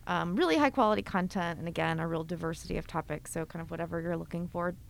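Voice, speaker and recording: A woman's voice: fairly low pitch, fast talker, gravelly. A woman talking casually and enthusiastically, in an informal promotional chat.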